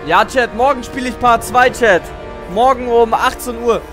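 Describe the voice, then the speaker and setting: A young male game streamer gives casual live commentary full of slangy, boastful trash talk. His voice is very high-pitched at a moderate pace, with music playing behind it.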